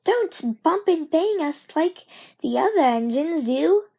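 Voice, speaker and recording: Woman voicing high, fussy railway coaches. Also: expressive, slow, creaky, a little mellow, exaggerated voice. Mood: cautioning. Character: gentle, fussy railway coaches, grateful and polite.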